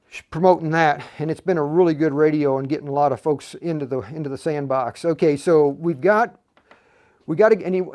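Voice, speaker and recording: Leading a live tutorial, this livestream instructor talks directly to his audience in a casual, folksy manner. His voice is on the high side and a little mellow.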